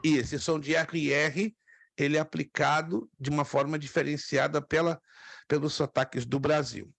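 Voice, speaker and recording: A man's voice: a little high, steady tone, moderate pace, vocal fry, a bit bright, no echo. A man from Brazil teaching a class on biblical Greek, patiently repeating words and asking students questions. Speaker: theology teacher. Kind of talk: classroom lecture.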